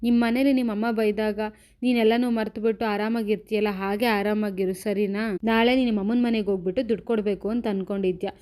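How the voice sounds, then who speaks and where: A woman voicing a patient young husband who calms and reassures his wife, as she retells a TV serial. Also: mid-range voice, brisk, lightly acted. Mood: soothing. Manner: calming, reassuring.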